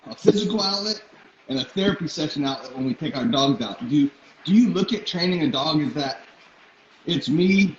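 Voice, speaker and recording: Guy hosting a casual interview, echoey room, bit of background noise. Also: fairly high pitch. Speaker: interview host. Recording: muffled, roomy, noisy audio.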